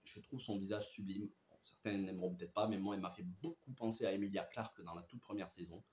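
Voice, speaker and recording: Young French man, excited chatty reviewer, lowish voice, roomy echo. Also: fast, slight background noise. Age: young adult. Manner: enthusiastic, chatty, many fillers and restarts. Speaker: series reviewer. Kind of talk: casual spoken review. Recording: echoey room.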